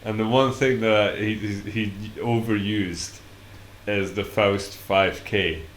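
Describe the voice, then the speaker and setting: A man from Scotland co-hosting a fighting game stream, talking in a laid-back way with halting restarts, his voice temporarily deeper than usual. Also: steady tone, reverberant, a little hiss or hum. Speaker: co-host and tournament winner. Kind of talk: casual commentary chat.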